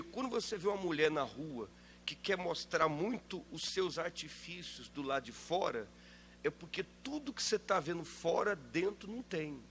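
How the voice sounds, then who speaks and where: Guy pastor with a pretty high voice, preaching hard, firing off questions, gets loud, faint hum behind. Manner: emphatic preaching with rhetorical questions, rising to loud peaks. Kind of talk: sermon.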